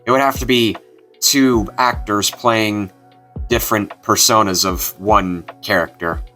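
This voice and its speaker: A man's voice: fairly low pitch, steady tone, unhurried, sharp tone. Man narrating over background music. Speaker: video host. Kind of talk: casual scripted commentary.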